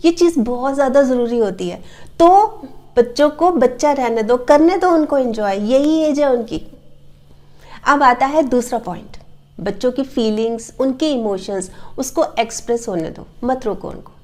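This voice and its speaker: A woman's voice: high-pitched, lively intonation, moderate pace, darkish tone. A middle-aged woman talking earnestly to the camera as a parenting advice host, repeating her key points and acting out scolding parents. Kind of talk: casual advice talk to camera.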